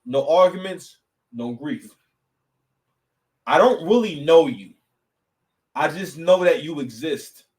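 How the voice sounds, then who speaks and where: A man riffs through casual reaction commentary with a lively, swinging delivery and a voice pitched a little high. He rambles and mocks, sounding set back from the microphone. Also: slow, long pauses, distant mic, low-quality recording. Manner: animated, rambling, mocking. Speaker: podcast host.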